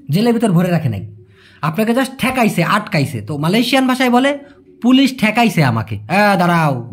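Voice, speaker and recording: A man with a Bangladeshi Bengali accent teaches a language lesson. He explains slowly, repeats each example and calls his listeners brother. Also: high voice, slightly rough. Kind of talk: language lesson for migrant workers.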